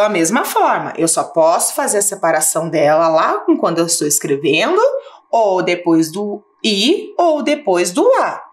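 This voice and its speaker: Lively Brazilian woman teaching children. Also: mid-range voice. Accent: Brazilian Portuguese. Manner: patient, rising question-and-answer tone, slows to spell out syllables. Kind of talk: recorded lesson for schoolchildren.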